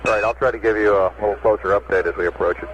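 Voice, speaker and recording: Man, mission control communicator, low voice, crackly breaking-up space radio link, faint static hiss. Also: steady tone, rapid-fire, dull audio. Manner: clipped, reads numbers digit by digit. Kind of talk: terse radio procedure.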